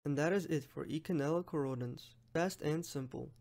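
A man's voice: on the high side, moderate pace, a little mellow. A young man, friendly and explanatory, narrating a drawing lesson for a medical exam as its host.

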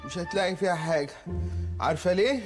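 An actor with an Egyptian Arabic accent playing a broke, hungry brother who whines and pleads for food in a TV comedy series. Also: male voice, sits high, expressive, quick pace, music in the background. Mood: whiny. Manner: whiny, pleading, self-pitying.

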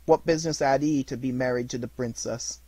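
A man's voice: mid-range voice, fairly even intonation, a little fast, dark tone, no room sound, natural voice. A man voicing an old miser who exclaims between laughing and crying, in a dry recording. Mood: ecstatic.

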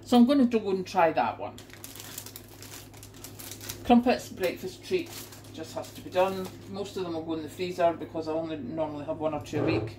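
A deep, dark-toned female voice at a moderate pace belongs to a middle-aged British woman doing a casual grocery-haul vlog in her kitchen. The camera points down at the counter as she unpacks and exclaims at prices, and the low-quality recording has a little hiss or hum.

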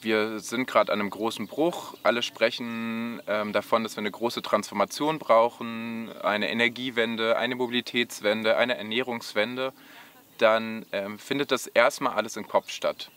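Thoughtful man with a lowish voice. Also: fairly even intonation, moderate pace, a bit bright. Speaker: interviewee. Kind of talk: interview.

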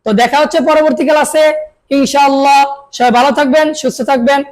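A woman's voice: high voice, steady tone, fast talker. A young adult woman teaching Quran reading, spelling out syllables and repeating each word several times for students to say after her. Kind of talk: call-and-repeat reading lesson.

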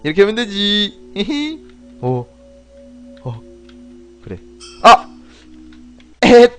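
A man playing an indie game on stream, commenting as he goes, yelping and shouting at tense moments and reading the story lines aloud. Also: sits high, drawn-out words, faint music behind. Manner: excitable, yelps and shouts during play. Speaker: gameplay streamer. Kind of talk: let's play commentary with read-aloud dialogue.

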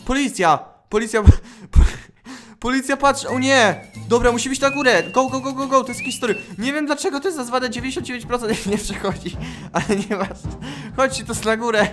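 Gaming YouTuber, male, excitable and shouty, playful let's-play commentary. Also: very high-pitched, brisk, soft background music. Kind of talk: gameplay commentary.

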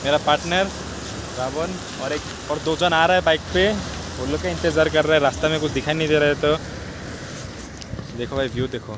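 A man in his thirties talking casually and excitedly into a phone at arm's length as he explores a foggy mountain road and a wet cave with waterfalls. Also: on the high side, brisk, pauses often. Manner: excited, chatty, laughing asides. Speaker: travel vlogger. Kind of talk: casual travel vlog. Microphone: phone held at arm's length. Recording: loud waterfall and road noise.

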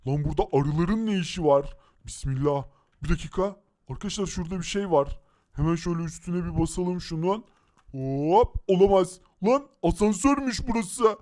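Brief: young-sounding male gaming host with a high voice, jumpy and exclamatory. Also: moderate pace. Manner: excitable, exclaiming, talks to viewers. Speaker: YouTube game host. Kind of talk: excited game commentary.

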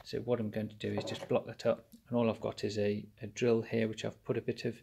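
A man's voice: fairly low pitch, flat delivery, a little fast, vocal fry, dark tone, a little hiss or hum. A man narrating a workshop how-to, explaining each step plainly while he works at a bench. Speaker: engine rebuilder.

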